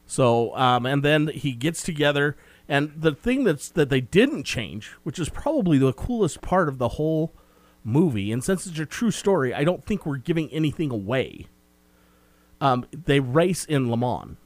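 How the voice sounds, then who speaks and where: A man's voice: on the high side, animated, moderate pace, dry recording. A man co-hosting a casual film review chat, recapping the plot in a meandering, talkative way. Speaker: movie review co-host.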